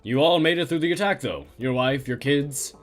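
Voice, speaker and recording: A man's voice: mid-range voice, moderate pace, natural voice. A man voicing a male TV news reporter, delivering each line in a punchy newscaster style. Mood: solicitous.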